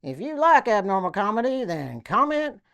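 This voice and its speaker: A woman's voice: mid-range voice, moderate pace. A woman comedian telling silly jokes and short stories, jumping into acted quotes. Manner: lively storytelling with acted quotes.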